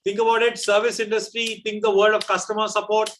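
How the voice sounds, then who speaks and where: A man with a high voice and a South Indian accent works as a quiz host. He chats and teases as he goes, explaining things off the cuff. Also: flat delivery, fast talker, fairly bright tone, slight background noise.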